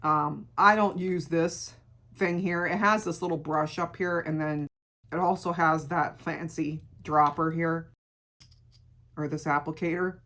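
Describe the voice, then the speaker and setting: A middle-aged woman with a gravelly voice, chatting casually through a beauty product review and repeating words for emphasis. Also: sits low, fairly even intonation, a little slow, a bit bright. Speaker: beauty vlogger.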